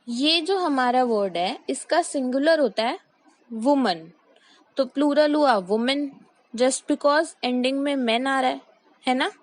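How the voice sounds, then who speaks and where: A young woman teaching English pronunciation in a mix of Hindi and English, repeating each word and reading example sentences slowly and deliberately. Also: high voice, dry recording, poor audio. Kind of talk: explanatory lesson mixing Hindi and English.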